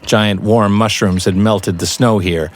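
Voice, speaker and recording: A man narrating a fantasy audiobook in a measured, even storytelling voice. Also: on the low side.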